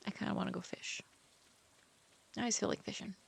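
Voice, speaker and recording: Brisk and level in tone, this medium-pitched woman sounds gravelly with a breathy edge. An author playing a farming game, she rambles chattily from one idea to the next, leans heavily on "like," and now and then drops nearly to a whisper.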